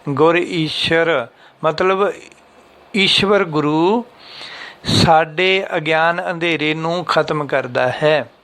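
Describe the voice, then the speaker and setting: A man teaching how to read and understand scripture, patiently repeating lines and chanting them slowly to show the pauses. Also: fairly high pitch, fairly bright tone. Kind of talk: explanatory religious lesson.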